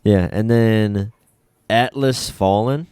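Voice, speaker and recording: A man's voice: lowish voice, slow, a little mellow, clean tone, dry recording. A man co-hosting a casual podcast chat, reading out game blurbs in a dry, dismissive way. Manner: dry and dismissive, skims text aloud. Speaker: podcast co-host.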